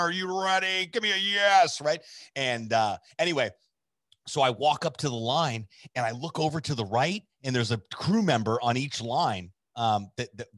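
A man's voice: medium pitch, no echo. Chatty man telling a story. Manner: loose, chatty, with many fillers and restarts. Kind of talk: casual spoken storytelling.

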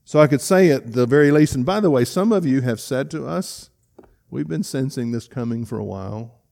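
A middle-aged man delivers a sermon from the front of a church. He speaks earnestly and with emotion, stumbling and restarting now and then. His voice sits in an ordinary middle pitch. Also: animated, brisk, gravelly, darkish tone. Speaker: pastor. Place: church sanctuary.

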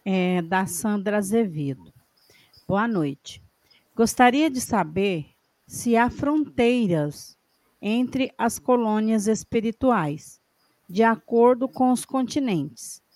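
A woman reading out a viewer's question aloud, slow and deliberate. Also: on the high side, animated, a little mellow, no room sound.

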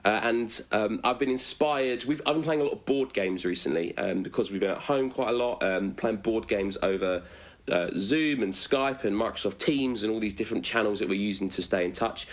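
A young man hosting a casual chat on a video call, relaxed and full of ums and uhs. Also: on the low side, fairly quick. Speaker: host.

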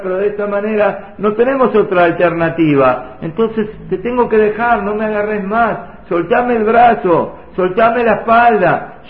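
A man voicing a desperate father pleading tearfully with his child, in a sing-song cadence. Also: high voice. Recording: echoey, tinny phone-like audio.

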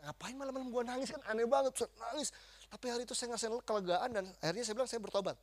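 A man giving a lively testimony as a preacher, acting out quotes and swinging between loud bursts and hushed passages. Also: very high voice, racing.

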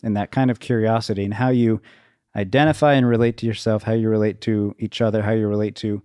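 A man with a fairly low voice speaks in a dry, close acoustic. He talks reflectively and casually, halting and rewording as he works out each thought. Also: fairly even intonation, mellow, smooth, no room sound. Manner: halting, circling and rephrasing as he thinks aloud.

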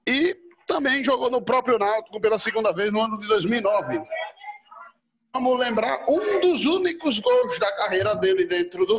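Male co-host for a football history show, very high-pitched voice, conversational presenting. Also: a bit bright. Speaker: podcast co-host. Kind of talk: sports history talk.

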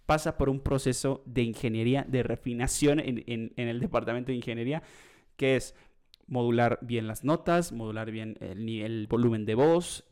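A man's voice: mid-range voice, normal speed, a little mellow, clear, resonant tone. A young man hosting a podcast, chatting casually and rambling with many fillers and asides. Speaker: podcast host.

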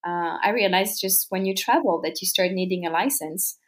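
A woman's voice: on the low side, normal speed. Woman, thirties, French accent, interview guest, casual chatty talk, lots of ums, laughs easily. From France. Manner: chatty, laughs often, many fillers.

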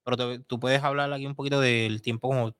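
A man's voice: mid-range voice, steady tone, quick pace, fairly bright tone, smooth, dry recording, clean studio sound. A man with a Puerto Rican accent hosting a podcast, asking long, rambling questions in casual slang. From Puerto Rico. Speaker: podcast host. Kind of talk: casual interview.

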